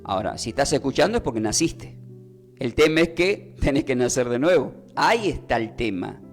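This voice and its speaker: A male preacher delivers a radio sermon in a mid-range voice. He explains things patiently and at times slows right down to spell words out. Soft instrumental music runs quietly underneath. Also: medium pitch, big pitch swings. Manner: teaching slowly, spelling words out for listeners to note. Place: radio studio.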